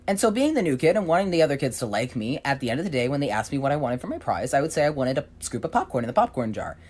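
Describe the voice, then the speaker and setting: A young woman tells her stories in a very deep voice for a woman, with lively, swooping intonation. She talks casually and bluntly, and she swears freely. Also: rapid-fire, breathy edge. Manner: blunt, profane and animated. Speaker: storyteller. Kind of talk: casual storytime narration.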